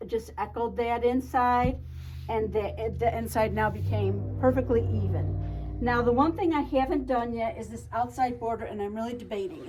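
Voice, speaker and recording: A woman giving a casual show-and-tell tutorial on her quilting projects, chatty, talking fast and a lot with frequent restarts. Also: on the high side, darkish tone, slight background noise. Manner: chatty, talks fast and a lot, self-interrupting. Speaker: quilt shop co-owner showing projects.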